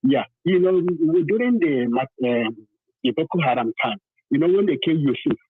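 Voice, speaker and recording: A man from southern Nigeria with a Nigerian accent phones in to a talk programme, speaking with animated passion and repeating phrases to hammer his points home. His voice is fairly high with a breathy edge and a moderate pace. The phone line sounds thin and roomy.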